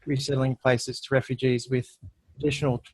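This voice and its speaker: Young male student presenter, flat monotone read, dry close sound, online call audio breaking up and cutting out. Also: mid-range voice, normal speed, slightly rough, no room sound, low-quality recording. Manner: flat, even reading. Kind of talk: reading a prepared presentation.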